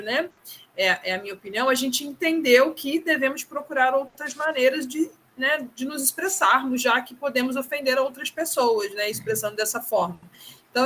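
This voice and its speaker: A woman's voice: high voice, fairly bright tone, a little hiss or hum. A Brazilian woman taking part in a discussion, sharing thoughtful comments and often checking in with tag questions. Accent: Brazilian Portuguese. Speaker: participant in the discussion. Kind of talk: casual reflective comment.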